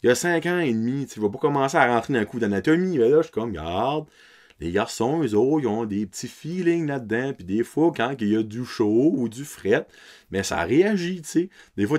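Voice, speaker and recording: A man's voice: mid-range voice, animated, brisk, darkish tone. A man in his thirties with an Acadian French accent, hosting a podcast and telling a story in a casual, laughing way, dropping English words into his French. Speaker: podcast host.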